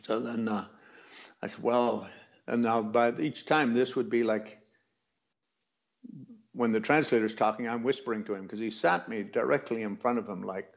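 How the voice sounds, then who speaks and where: Low gravelly guy telling a story slowly, lots of restarts, kinda dull muffled recording. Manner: unhurried, reflective, with many restarts. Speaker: teacher recounting a personal story. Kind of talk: casual storytelling.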